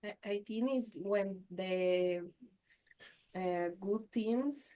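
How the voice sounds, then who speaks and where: A woman's voice: medium pitch, very slow, mellow. A woman in a training session answering hesitantly on a video call. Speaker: training participant.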